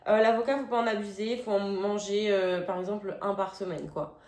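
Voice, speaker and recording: A woman's voice: mid-range voice, fairly even intonation, a little fast, a little mellow. Chatty young Frenchwoman in echoey room. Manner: chatty, many "euh" fillers, informal slang. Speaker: vlogger. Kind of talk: casual grocery haul vlog.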